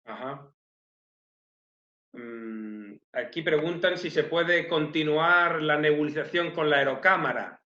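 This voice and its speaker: Male webinar moderator, calm, fairly high voice, in an echoey room. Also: slow pace, highs cut off. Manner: calm, brief acknowledgements. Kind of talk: reading out audience questions.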